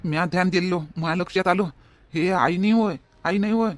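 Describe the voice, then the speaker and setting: Brief: man as a young village son, highish voice, whispering urgent warnings. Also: fairly quick, faint music behind, natural voice. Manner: hushed, urgent, conspiratorial.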